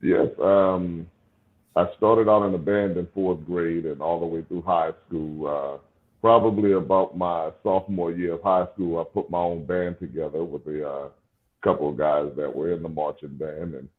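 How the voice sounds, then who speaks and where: A man of about forty from New Orleans with a smooth, velvety voice, chatting casually as a musician guest in an interview. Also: sits low, fairly even intonation, normal speed. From New Orleans, USA. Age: around 40. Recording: thin, phone-like call audio.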